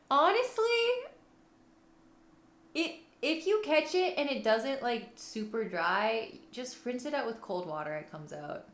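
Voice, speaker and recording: Woman livestreamer, playful and cute, high register, unhurried casual chat with viewers. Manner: animated, expressive delivery. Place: room at home.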